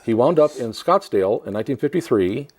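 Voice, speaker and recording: Reading a profile on his talk show, this male host speaks quickly in a mid-pitched, plain and steady voice. He keeps interrupting himself with casual asides, laughing between lines.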